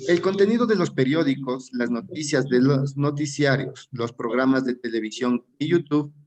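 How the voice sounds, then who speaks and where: An Ecuadorian man teaching an exam-prep class at an ordinary pitch for a man. He explains step by step and often stops to ask his students rhetorical check questions. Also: normal speed, a little mellow, lo-fi sound. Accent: Ecuadorian Spanish.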